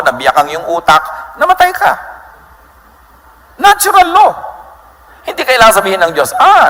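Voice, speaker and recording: A middle-aged Filipino man preaches, sliding between Tagalog and English as he quotes scripture. His voice sits fairly high, bright and forceful, and swings from soft asides to sudden loud peaks. It rings through a large hall with long reverb over faint background noise. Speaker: pastor. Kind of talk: sermon.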